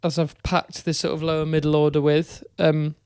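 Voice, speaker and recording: Young male podcast co-host, smooth resonant voice, dry sound, hesitant casual cricket chat. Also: on the high side, monotone, moderate pace, darkish tone, no room sound. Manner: thoughtful, hesitant with fillers.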